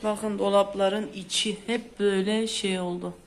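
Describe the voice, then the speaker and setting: A woman's voice: mid-range voice, flat delivery, moderate pace, a little hiss or hum. A woman hosting a casual home vlog, chatty and exclamatory, a bit sick with a sore throat, complaining as she talks. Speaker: vlogger host. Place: at home, indoors.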